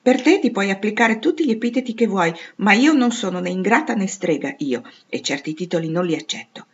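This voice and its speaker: A petulant, grumbling older girl who longs for finer things, as a woman reading aloud puts her on. Her voice is raised above the reader's own and slightly husky. The recording is dull and lo-fi. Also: mid-range voice, animated, fairly quick. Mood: irritated. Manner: complaining, petulant. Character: sulky elder teenage sister, longing for luxury.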